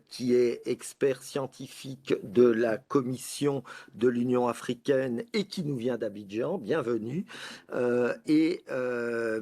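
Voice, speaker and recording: A man moderating a panel, introducing speakers in an unhurried way with informal asides and many fillers. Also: medium pitch, darkish tone.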